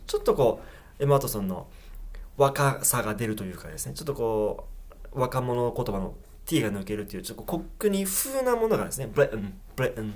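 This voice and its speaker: A Japanese university English teacher giving a pronunciation lesson, slowly repeating English phrases and explaining them in a casual way. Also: mid-range voice, very animated.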